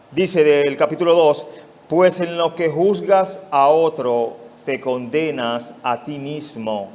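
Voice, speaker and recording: A male pastor with a fairly high, darkish voice and a Mexican Spanish accent delivers an expository sermon. He puts rhetorical questions directly to his congregation.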